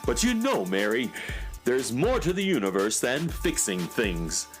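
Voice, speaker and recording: A man's voice: mid-range voice, huge pitch swings, a little slow. A man playing an eccentric, cheerful handyman inventor in a whimsical, theatrical children's radio comedy style. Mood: cheerful, musing. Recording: music behind the voice.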